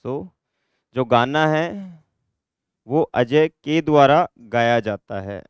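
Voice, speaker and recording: A man teaching German grammar in a classroom-style lesson, repeating words slowly to drill pronunciation. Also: mid-range voice, animated, clear, resonant tone, dry recording, studio quality.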